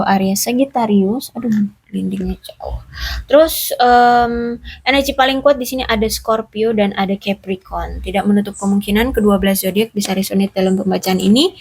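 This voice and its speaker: A woman's voice: medium pitch, moderate pace, breathy edge. A woman giving a casual love reading in a chatty, reassuring way, full of fillers. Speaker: tarot reader.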